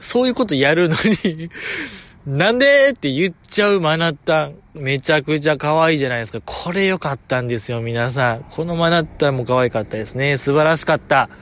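A man's voice: on the high side, brisk, a bit bright, lo-fi sound. A man with a Kansai accent hosting a casual solo podcast, playfully teasing his listeners and laughing often. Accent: Kansai Japanese. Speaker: podcast host.

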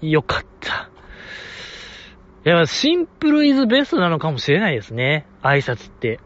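A man with a Kansai accent talks on his own podcast in a fairly high, bouncy voice that swings all over the place. He gushes like an eager fan and slips in little chuckles. The sound is dull and lo-fi. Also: moderate pace. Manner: excitable fan gushing, chuckles often. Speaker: podcast host. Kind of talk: casual solo podcast chat. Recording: dull lo-fi audio.

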